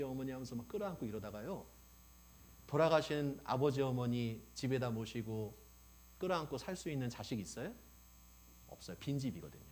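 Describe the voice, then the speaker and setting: A man preaching a sermon as pastor, telling stories with lively acted-out quotes and asking the congregation questions. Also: medium pitch. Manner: animated storytelling, acting out quoted old people.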